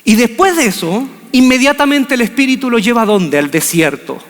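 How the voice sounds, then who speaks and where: A man preaching a sermon, telling the story in an animated, humorous way. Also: very high voice, brisk. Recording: long reverb of a large hall.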